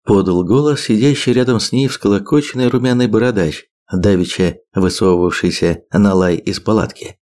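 A man reading an audiobook in steady, measured scripted narration. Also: lowish voice. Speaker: audiobook reader.

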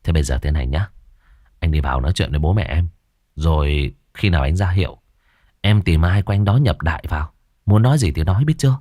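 A brusque young exorcist talks low and curt, as a narrator puts him on. The audiobook voice is dry and lively. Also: male voice, fairly quick, no echo. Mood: gentle.

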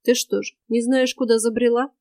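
A woman voicing a weary male stranger spirit in the afterworld, with a quiet, cracked voice and a flat, indifferent manner. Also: a little high, normal speed, no room sound, natural voice.

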